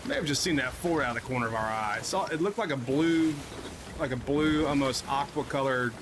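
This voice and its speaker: A man's voice: medium pitch, fairly quick, background noise. A man streaming a game live, talking casually with viewers, rambling and often restarting his sentences, with hiccups. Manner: rambling, self-correcting, chatty with viewers.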